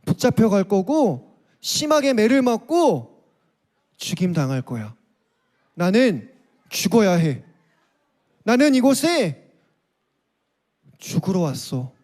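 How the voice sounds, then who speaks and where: Brief: preacher as calm solemn teacher, slow, gentle, grave. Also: male voice, sits high, full character voice. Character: calm solemn grown man foretelling his fate.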